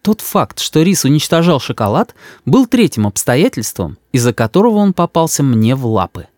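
An audiobook reader, male, narrates a scripted story with expressive storytelling flair. His pitch is medium and his pace moderate, captured as a dry, clean studio recording.

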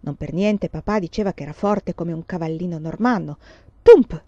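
A woman narrating a storybook with an expressive, dramatic reading. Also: lowish voice, a little fast, no echo. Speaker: audiobook reader. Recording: dull, dry lo-fi recording.

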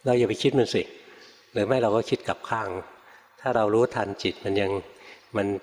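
An older man, a Buddhist monk, giving a relaxed, chatty Dharma talk full of stories and soft particles. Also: on the low side, a little fast. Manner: relaxed, conversational teaching with frequent particles and anecdotes. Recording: long hall reverb.

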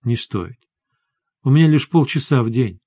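A tired, stern sorceress speaks in low, measured tones, voiced by a man reading an audiobook. The voice sits at a middling pitch. The recording is dry and close. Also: expressive, dark tone, husky, no room sound. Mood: grave. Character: weary, stern female sorceress.

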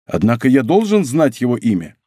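Give me an impulsive, sly young nobleman, passionate and loud in his vows, voiced by a man, in a dry close recording. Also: mid-range voice, huge pitch swings, brisk, husky, no echo.

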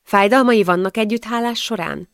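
A woman's voice: mid-range voice, dry recording, studio quality, voice pushed up, natural voice. A woman reading the part of a blunt 18th-century male healer who questions his patients curtly. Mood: curt questioning. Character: brusque man, an 18th-century village healer.

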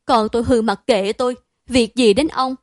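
A woman voicing a distraught, doting mother who wails and scolds loudly, in a dry, close reading. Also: a little high, measured pace, dry recording. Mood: wailing, scolding. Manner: loud, wailing, scolding.

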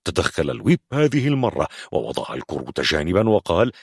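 A man reading a novel aloud in a measured storytelling manner. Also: sits low, big pitch swings, vocal fry, breathy edge, no room sound, studio quality. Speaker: narrator. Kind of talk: scripted audiobook narration.

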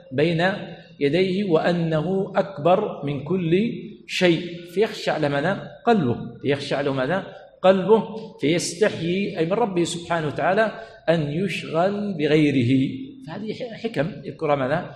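Male sheikh giving a classroom lesson, pitched a little high, drawing out words and quizzing the room, recorded in a reverberant hall with faint background noise. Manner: prompts students with repeated questions, stretches words slowly. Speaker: sheikh teaching a religious lesson. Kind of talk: classroom lecture. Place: teaching center hall.

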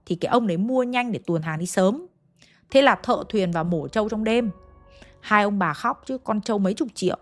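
A young woman with a Hanoi accent narrating a ghost story in a chatty way, speaking straight to her listeners. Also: fairly high pitch. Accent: Hanoi Vietnamese. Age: young adult. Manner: chatty, addresses listeners directly.

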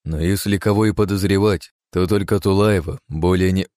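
A man's voice: deep voice, steady tone, normal speed, warm tone, no room sound, studio quality, close to an everyday voice. A man voicing a nervous, sly nobleman.

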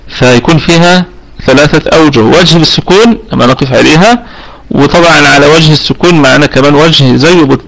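Egyptian guy teaching tajweed online, kinda higher voice, asks the class stuff and repeats sounds over and over. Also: fairly bright tone, rough recording. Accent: Egyptian Arabic. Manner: patient, asks students questions, demonstrates sounds by repetition. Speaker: Quran recitation teacher. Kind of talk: live online tajweed lesson. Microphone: computer mic for online voice chat.

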